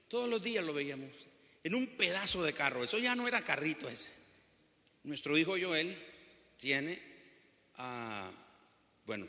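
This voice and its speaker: Bright-voiced preacher in a reverberant hall. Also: male voice, on the high side. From Nicaragua. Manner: impassioned preaching with stories. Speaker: pastor. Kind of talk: sermon. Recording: long reverb of a church hall.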